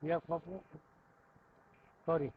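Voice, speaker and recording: A man's voice: a little high, fairly even intonation, very slow, a little hiss or hum. A man with an Urdu accent teaching Arabic grammar to a class, patiently reciting verb conjugations in lists and checking that students follow. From Pakistan. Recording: dull lo-fi classroom recording.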